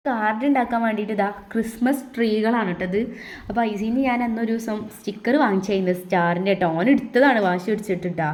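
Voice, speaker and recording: A woman, casually chatting to viewers step by step while making crafts at home. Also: mid-range voice. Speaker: family vlogger. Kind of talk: casual crafts vlog chat.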